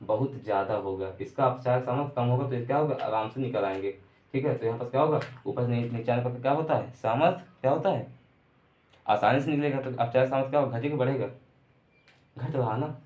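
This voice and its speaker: A man's voice: medium pitch, quick pace, darkish tone. A man teaching an online chemistry lecture, going over points again and again and asking rhetorical questions with homely examples. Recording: echoey room.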